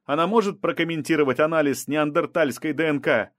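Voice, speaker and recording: A man doing a pushy shouting reporter. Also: on the high side, a little fast, dry recording, clean studio sound, pitched above the performer's own voice, lightly acted. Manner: insistent, shouting questions. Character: pushy male newspaper reporter, persistent, shouting.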